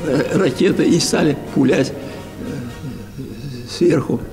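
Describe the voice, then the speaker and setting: A man in his nineties recalling the past in an interview, halting, with many fillers and restarts. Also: on the high side, music in the background. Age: 90s. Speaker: war veteran and professor interviewed. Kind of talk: interview recollection.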